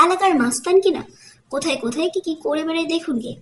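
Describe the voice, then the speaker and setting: A woman's voice: very high voice, quick pace, darkish tone, a little hiss or hum. A woman voicing a spiteful young sister-in-law who speaks harshly and mockingly, in an audiobook. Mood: sneering.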